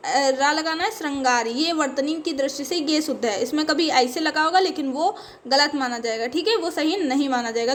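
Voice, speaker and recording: A woman's voice: sits high, fairly bright tone. A woman teaching a spelling lesson for exam preparation, explaining patiently and checking in often with her students. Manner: explains patiently, says "ठीक है" constantly.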